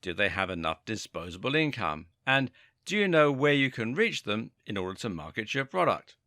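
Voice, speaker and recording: A man narrating a scripted marketing lesson in a measured, explanatory way. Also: fairly low pitch, very animated, pushed and bright, no room sound, clean studio sound. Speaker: course instructor.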